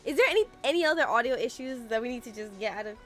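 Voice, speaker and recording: A woman's voice: fairly high pitch, expressive, racing, fairly bright tone, faint music behind. A young woman streaming a game from her room, chatting on a desk microphone in a chatty, exasperated way, full of "like" fillers. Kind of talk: casual livestream chat. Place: room at home.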